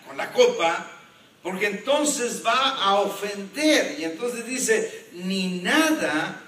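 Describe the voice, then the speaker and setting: Animated man preaching in an echoey church. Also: high voice, slight background noise. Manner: animated, joking with the congregation. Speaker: pastor. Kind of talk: sermon. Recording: echoey church hall from a distance.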